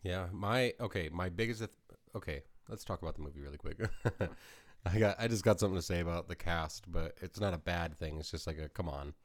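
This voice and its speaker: A man's voice: deep voice, brisk, no echo, studio quality. A man co-hosting a podcast, chatting casually about a movie, giggly and rambling as he corrects himself. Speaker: podcast co-host.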